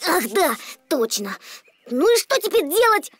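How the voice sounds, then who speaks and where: A woman's voice: very high-pitched, sing-song, a little slow, heavily acted. A woman voicing a confident, enterprising little boy animal in a children's cartoon. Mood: impatient. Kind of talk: cartoon voice acting. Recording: children's music behind the voice.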